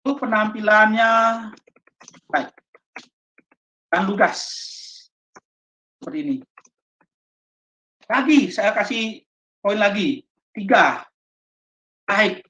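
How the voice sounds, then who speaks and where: A woman with an Indonesian accent leading a teacher training session, explaining slowly and haltingly with many fillers. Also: mid-range voice, animated, fairly bright tone. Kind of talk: online training lesson. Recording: dull lo-fi audio.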